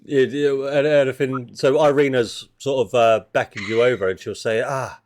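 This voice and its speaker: A man's voice: medium pitch, fairly even intonation, moderate pace, a little mellow. A man acting as game master, prompting his players casually. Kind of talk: running a tabletop game.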